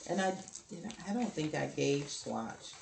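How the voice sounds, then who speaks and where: Low-pitched, unhurried woman host, chatty and apologetic, echoey home room. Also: animated, vocal fry, darkish tone, slight background noise. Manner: chatty, apologetic, rambling with ums and restarts. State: hiccups. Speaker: knitting podcast host. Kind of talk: casual show-and-tell chat.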